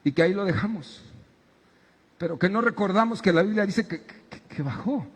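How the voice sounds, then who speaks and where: A middle-aged man preaching a sermon as pastor, animated and at times shouting dramatic quotes. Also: high-pitched, moderate pace, slightly rough, big-room sound. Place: church auditorium.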